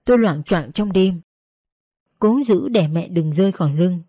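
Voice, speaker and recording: A woman with a Northern Vietnamese accent, slowly and tenderly narrating a sorrowful story in the first person. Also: on the low side, animated, mellow, slightly rough, no echo, clean studio sound.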